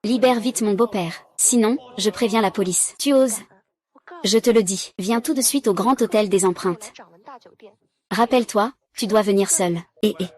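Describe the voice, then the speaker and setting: A woman's voice: medium pitch, moderate pace, darkish tone. A woman reading dubbed drama dialogue, giving every character's lines in the same plain voice. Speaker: dub voice for a drama recap.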